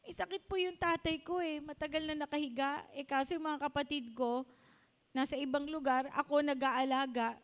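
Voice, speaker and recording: A woman's voice: high voice, steady tone, moderate pace. A woman preacher voicing a weeping, remorseful woman patient who pleads and confesses. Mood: lamenting. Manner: tearful pleading.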